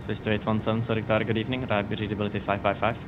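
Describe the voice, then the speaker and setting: A man working as an online air traffic controller, speaking in clipped radio phraseology with a calm, even delivery, heard as a radio transmission through a pilot's headset. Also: fairly low pitch, rapid-fire. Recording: dull radio audio with loud noise.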